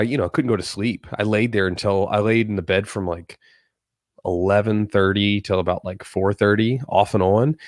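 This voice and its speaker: In a clean, echo-free studio recording, a man hosts a podcast with a lowish voice that's somewhat nasal and congested. He rambles conversationally, speaking off the cuff and frequently repeating himself.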